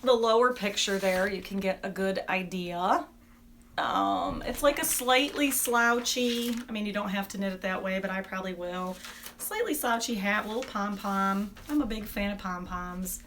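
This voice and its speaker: A woman's voice: medium pitch, normal speed, a bit bright, slight background noise. A woman hosting a casual, unscripted craft podcast, chatting in a rambling, self-deprecating and informal way. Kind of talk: casual, unscripted video podcast chat about knitting.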